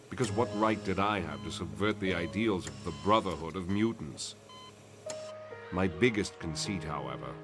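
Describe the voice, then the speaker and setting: An actor playing an older, guilt-ridden professor in a motion comic, speaking in a grave, measured, eloquent way. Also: male voice, low-pitched. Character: weary, guilt-ridden older male professor and mutant mentor.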